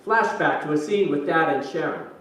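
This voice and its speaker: A man's voice: fairly high pitch, lively intonation, moderate pace, fairly bright tone. A man narrating stage directions for a staged play reading in scripted delivery. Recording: echoey hall, distant mic, faint noise.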